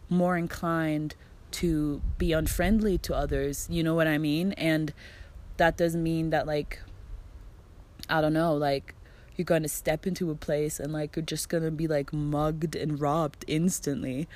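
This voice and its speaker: A woman's voice: low-pitched, level tone, unhurried, a little mellow. Chatty young woman from Germany. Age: 20s. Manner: chatty, fills speech with "like" and "I'm like", acts out quoted dialogue. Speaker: vlogger. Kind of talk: casual storytelling vlog.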